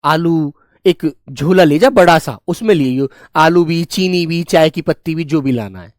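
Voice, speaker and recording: A chatty homely mother running through a list of errands in plain, rustic speech, as a man puts her on. The voice sits high. It sounds close and dry. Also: lively intonation, unhurried, dry recording. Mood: instructing. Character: homely middle-aged mother giving errands.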